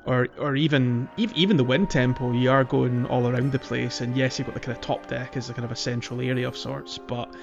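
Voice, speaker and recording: A podcast host speaks in a man's medium-pitched, steady voice, talking a little fast with vocal fry and few pauses. He casually discusses a video game, rambling and hesitant as he thinks out loud. The audio is slightly dull, with background music running underneath.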